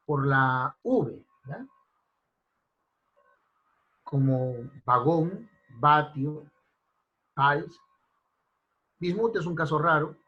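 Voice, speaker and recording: A man's voice: a little high, fairly bright tone, dull audio. A man teaching an online spelling class, listing example words one by one and checking in with his students. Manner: slow, deliberate, lists examples and checks in with "¿ya?". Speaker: language teacher. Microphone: computer mic in an online class.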